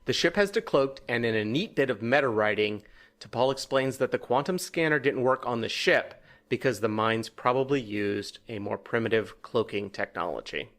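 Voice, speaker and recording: A man's voice: mid-range voice, lively intonation, moderate pace, fairly bright tone. A man hosting a casual podcast, recapping an episode in a wry tone and laughing at his own jokes.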